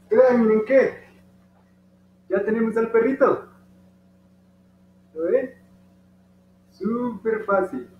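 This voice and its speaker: A man with a high voice and a Colombian Spanish accent walks children through folding and coloring a paper dog, checking in with them often. He sounds distant from the microphone, in a roomy space. The recording is dull, with a faint hum underneath. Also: fairly even intonation, takes it slowly, pauses often. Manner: patient, encouraging, talks to the kids directly. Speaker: origami instructor. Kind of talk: step-by-step craft tutorial for children.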